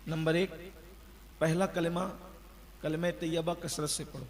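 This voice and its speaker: A man delivers a sermon, his voice pitched high. He exhorts his listeners and asks rhetorical questions. The sound rings with long reverb, as in a large hall. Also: little pitch movement, a little hiss or hum. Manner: exhorting, rhetorical questions, chants the creed slowly. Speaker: preacher. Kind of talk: Ramadan sermon.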